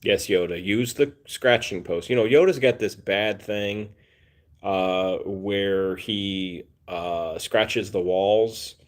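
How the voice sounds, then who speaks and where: A man in his forties hosts a casual livestream for his cat channel, speaking slowly in a voice on the low side. He rambles with fillers and restarts, talking to his cats in between viewer comments.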